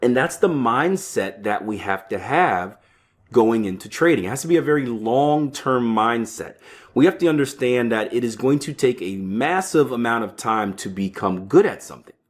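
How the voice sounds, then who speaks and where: A man in his early thirties hosts a podcast, talking casually on his own about trading psychology. His medium-pitched voice is expressive and moves at a normal speed. He keeps ending lines with "right?", stumbles into restarts and fillers, and drops offhand asides.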